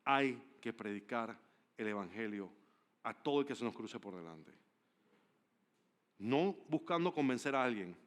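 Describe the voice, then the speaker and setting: A man preaching a sermon as pastor, telling stories with animated emphasis and swinging between loud declarations and hushed asides. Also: medium pitch, measured pace, long pauses. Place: church service.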